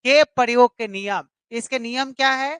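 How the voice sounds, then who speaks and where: In her live online English grammar class, a woman repeats points while explaining and asks her students questions directly. Her voice is a little high, a bit bright, and smooth, at a normal speed, with no room sound.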